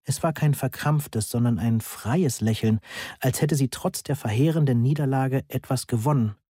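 A man reads a first-person novel aloud at a steady, even pace. His voice is husky and mellow, with a plain middle pitch. It sounds close and dry. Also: normal speed, dry recording. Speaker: audiobook narrator. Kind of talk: scripted first-person narration.

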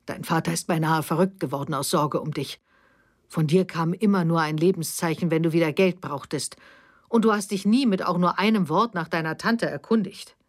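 Eine Frau spricht in einer Hörbuchlesung eine verbitterte ältere Mutter mit vorwurfsvollem, schneidendem Ton. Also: female voice, fairly low pitch, normal speed, natural voice. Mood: reproachful. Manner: reproachful, cutting. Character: bitter, defensive older mother.

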